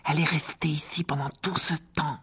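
A man voicing a frightened young boy wizard who cries out in a shrill, panicked voice, reading an audiobook. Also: huge pitch swings, unhurried, sharp tone, husky, exaggerated voice. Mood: delighted.

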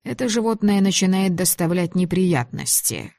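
A woman voicing a cold, mocking German officer who gives orders and jokes with ironic calm, in a storybook reading. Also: on the low side, moderate pace, no echo, studio quality. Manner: smooth, ironic, commanding.

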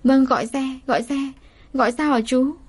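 A woman voicing a poor, gentle thirteen-year-old girl who talks politely and pleads through sobs. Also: a little high, fairly even intonation, a little fast, natural voice. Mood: panicked sobbing. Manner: polite, pleading, sobbing cries.

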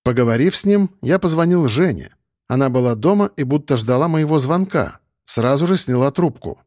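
Man reading an audiobook, wry, very animated pitch, dry close mic. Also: moderate pace, no room sound. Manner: ironic, lively. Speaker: audiobook narrator. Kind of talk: first-person audiobook narration.

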